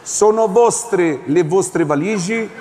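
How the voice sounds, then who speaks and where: A man's voice: high voice, expressive, measured pace, fairly bright tone, a little hiss or hum. A man voicing a fussy, officious male airport security guard who speaks broken Italian and keeps repeating his demands, on a live stage. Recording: live theatre stage, echoing, audience.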